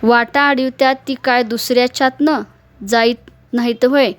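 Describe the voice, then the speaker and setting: A woman's voice: on the high side, steady tone, normal speed, lightly acted. A woman voicing a wry male market clerk. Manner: questioning, rustic village speech. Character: shrewd middle-aged male market clerk, probing and wry.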